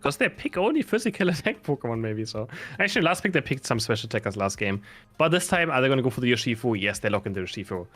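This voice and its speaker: A man's voice: medium pitch, big pitch swings, fast talker, a bit bright, soft background music. Easygoing male esports co-caster. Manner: easygoing, laughing along. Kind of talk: casual esports commentary.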